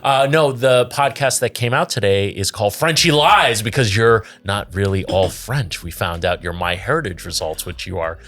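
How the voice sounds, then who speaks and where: A man co-hosting a casual podcast chat, tipsy and rambling, with quick asides. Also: on the low side, a bit bright. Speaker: podcast co-host.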